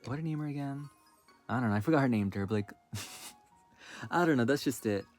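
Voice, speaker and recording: A man's voice: mid-range voice, normal speed, soft background music. A man chatting casually through an unboxing, rambling with many fillers and restarts. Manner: rambling, filler-heavy talk, lots of "like" and "um". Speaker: doll reviewer.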